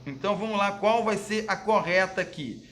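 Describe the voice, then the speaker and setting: A man's voice: high voice, normal speed, fairly bright tone. A Brazilian man teaching Portuguese, walking through exam questions and patiently explaining them to his students, often checking in with "ok?" and "né?". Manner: fillers like "ok?", "né?" and "ó". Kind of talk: exam question walkthrough lesson.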